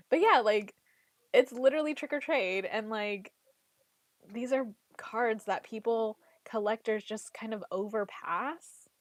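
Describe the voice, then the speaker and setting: Her voice sits on the high side and she takes her time, with a dry, close sound and no echo. A congested card game player and content creator getting over a cold, she chats casually and keeps saying "like" and "literally."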